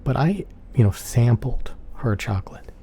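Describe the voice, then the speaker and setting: A soft-spoken man rambling casually in an ASMR chat, often repeating himself. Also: mid-range voice, expressive, moderate pace. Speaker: ASMR channel host. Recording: clear background noise.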